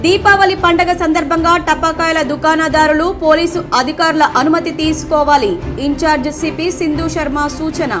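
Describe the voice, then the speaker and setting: A woman news anchor reading headlines in a measured, formal newsreading manner. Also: sits high, fairly even intonation, music in the background.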